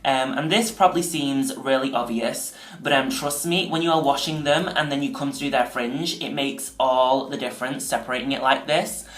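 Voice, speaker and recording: A man talks in a loose, rambling way, full of fillers, as he walks viewers through a home tutorial. His mid-pitched voice bounces around a small, echoey tiled bathroom. The hard walls add a clear ringing tail to every phrase. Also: moderate pace, hardly any pauses, fairly bright tone. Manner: chatty, filler-heavy, says "like" and "um" often. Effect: echoey tiled bathroom sound. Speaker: doll restoration vlogger. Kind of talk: casual rambling tutorial chat.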